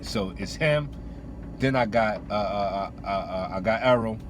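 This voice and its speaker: In or beside a vehicle with noise around him, a man with a lowish, unhurried voice gives opinionated, casual boxing commentary as a host. He uses slang and repeats phrases to drive his points home.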